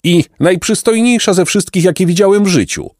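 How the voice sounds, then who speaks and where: A man's voice: high-pitched, expressive, brisk, a little mellow, dry recording, studio quality, pitched above the performer's own voice. A man doing a cheerful bold boy.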